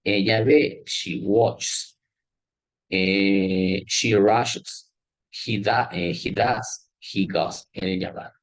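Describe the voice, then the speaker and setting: Slow, patient man teaching. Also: low voice, steady tone, no room sound, rough recording. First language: Spanish. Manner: explains step by step, checks in with "¿ya?" and "¿sí?"; switches between Spanish and English. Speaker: English teacher. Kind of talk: classroom grammar lesson.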